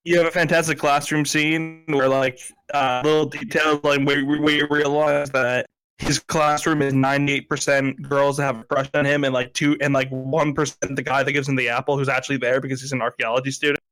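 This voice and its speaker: A man's voice: medium pitch, little pitch movement, brisk, fairly bright tone, smooth, low-quality recording. A man in a casual film discussion who explains his points at length, enthusiastic about the craft.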